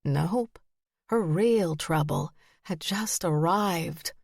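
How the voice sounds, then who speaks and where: A woman narrates a historical romance with expressive, storytelling warmth, her voice sitting on the low side. She acts out the characters' lines. The recording is dry and close. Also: very slow, creaky, no echo. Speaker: audiobook narrator.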